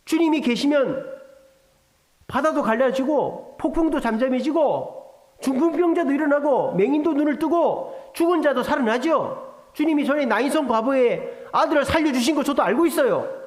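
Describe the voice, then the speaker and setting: Man doing a high, loud, fervent grieving woman, pleading, lively swings. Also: moderate pace, echoey room. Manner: pleading, high-pitched exclamations. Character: adult woman, fervent believing mourner.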